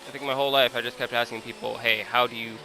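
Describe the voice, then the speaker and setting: A man's voice: mid-range voice, flat delivery, fast, sharp tone, slight background noise. A man of twenty-one talking casually and candidly while gaming, hesitant and self-deprecating as he searches for words. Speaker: gaming content creator. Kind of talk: casual, confiding talk over gameplay.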